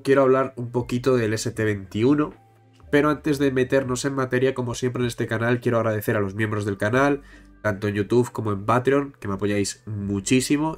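A man with a Spain accent, stuffed up with a bad cold, chatting casually as a YouTube host about card-game news and pausing for breath. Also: medium pitch. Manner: pauses to catch breath. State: congested with a bad cold, blocked nose. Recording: music behind the voice. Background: music.

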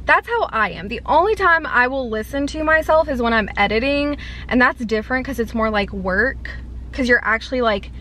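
This young adult food vlogger, a North Carolinian with a soft Southern lilt, chats from her car into a dashboard camera, rambling and saying "like" constantly. Her fairly high voice is pushed and bright with lively intonation at a moderate pace, over a rough recording with slight hiss or hum.

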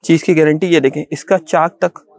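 A middle-aged man with a Pakistani Urdu accent, a shopkeeper giving a sales pitch in a small clothing shop, repeating himself insistently as he shows coats. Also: fairly even intonation, moderate pace, a little mellow. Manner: repetitive, insistent salesman patter.

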